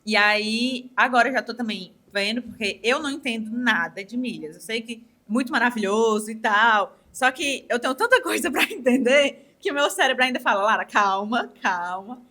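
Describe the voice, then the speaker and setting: A woman in her twenties with a Ceará Brazilian Portuguese accent chats as a guest on a podcast in a casual interview. Her voice is fairly high, bright and forceful, a little fast with few pauses, and she acts out quoted dialogue with animation.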